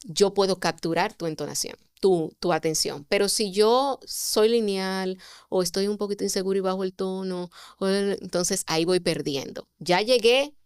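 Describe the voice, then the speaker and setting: A woman, a communication mentor, explaining sales techniques as a podcast guest with expressive delivery and rhetorical questions. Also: mid-range voice, normal speed, smooth, no echo, studio quality.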